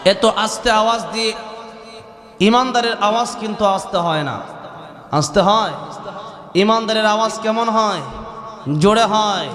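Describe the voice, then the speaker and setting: Man, preacher, high voice, chanting sermon, outdoor gathering, echoing public address sound. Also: a little slow, long pauses, fairly bright tone. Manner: chanting, calls on crowd to respond. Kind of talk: sermon with sung storytelling.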